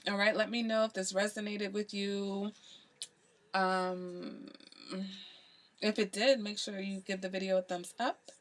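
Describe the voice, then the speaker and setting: A woman's voice: mid-range voice, steady tone, measured pace, long pauses. Woman, tarot reader, direct-to-camera, emphatic and earnest, lots of "you know" and "okay?", middle-range voice. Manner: earnest, emphatic advice with frequent "okay?" check-ins; repeats phrases for emphasis, many "you know" fillers.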